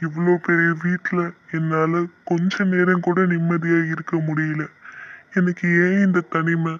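A man's voice: on the high side, little pitch movement, measured pace, lightly acted. A man voicing a lonely, grieving old grandfather in a cartoon, who speaks in a sorrowful, pleading way. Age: older. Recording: dull lo-fi, dry.

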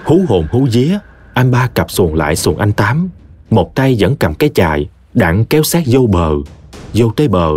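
Expressive storyteller man. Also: lowish voice, normal speed, slight background noise. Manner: expressive, vivid. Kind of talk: scripted horror story narration.

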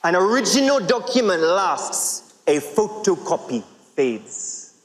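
A man in his thirties preaching a sermon to a large congregation, emphatic and full of rhetorical questions with drawn-out pauses. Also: high-pitched, big pitch swings. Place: large church hall with congregation. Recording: long reverb of a big hall.

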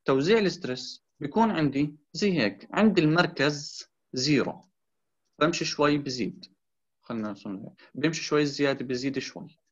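Tutor, male, quick drilled delivery, slightly muffled lo-fi recording. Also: fairly high pitch. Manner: repeats key points, mixes English terms into Arabic. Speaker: engineering tutor. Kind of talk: explaining torsion on a drawing. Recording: slightly dull lo-fi sound.

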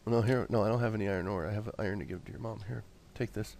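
A man, a father, chatting casually and upbeat on a voice call while leading his family through a video game, quick to joke. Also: lowish voice, steady tone, gravelly, a little mellow, slight background noise. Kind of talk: casual gaming chat.

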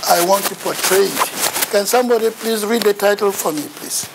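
A middle-aged visiting university lecturer with a Ghanaian accent gives a seminar in a lecture room before a projection screen, recounting his story with self-mocking humour. His voice is high-pitched and gravelly, at a moderate pace, and the background is noisy.

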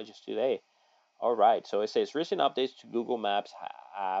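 Deep-voiced man giving a halting screen-share lesson. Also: darkish tone, no echo. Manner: halting, many fillers and restarts, folksy asides. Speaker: local online marketing consultant. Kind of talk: screen-share tutorial, reading an article aloud with commentary. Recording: dry, slightly dull audio.

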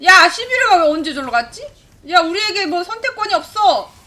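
A woman in her forties streaming a game live, chattering with high energy, laughing often and shouting at her teammates. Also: big pitch swings, a little fast. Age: 40s. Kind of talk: excited live gameplay commentary.

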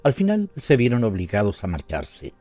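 A man with a Latin American Spanish accent narrates a story in a low, warm voice. His delivery is measured and even. Soft music plays faintly beneath the narration. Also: dry recording. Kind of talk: scripted audiobook narration.

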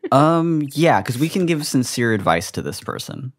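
A man's voice: medium pitch, very animated, moderate pace. A man co-hosting a podcast in casual chat, joking, swearing and mocking himself. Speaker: podcast co-host.

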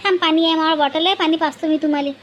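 A woman's voice: sits high, steady tone, racing, muffled recording, slight background noise, natural voice. A woman voicing a fussing, caring village woman with a Varhadi Marathi accent. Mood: worried. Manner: fussing, concerned.

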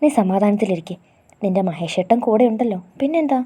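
A woman voicing a supportive young female friend who talks briskly and comfortingly. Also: mid-range voice, animated, dark tone, husky.

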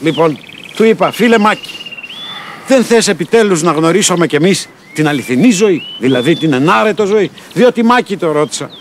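A man's voice: sits high, expressive, slight background noise. An actor playing a glib male playboy debtor who theatrically pretends to have found religion. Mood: mock-pious. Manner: glib, theatrical, mock-pious. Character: smooth-talking male playboy debtor feigning piety. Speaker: actor in a TV comedy series. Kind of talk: sitcom acting.

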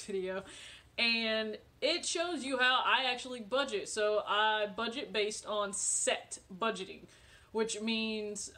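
A woman's voice: a little high, bright, forceful tone. A woman in her late twenties chatting casually to camera from her living room, friendly and talkative with frequent laughs and fillers. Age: 20s. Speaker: vlogger.

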